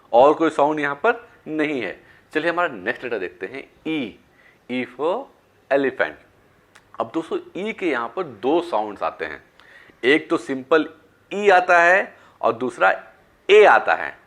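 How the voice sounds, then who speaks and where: A man teaching phonics, mixing English words into his talk and stretching out example words with loud, high stresses. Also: very animated, unhurried. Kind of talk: phonics lesson.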